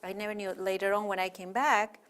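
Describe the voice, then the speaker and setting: A woman's voice: mid-range voice, level tone, fairly quick, a bit bright, clear, resonant tone. A middle-aged woman from Chile with a Chilean Spanish accent, a Spanish native speaker, talking as an interview guest in a chatty, rambling way with many fillers.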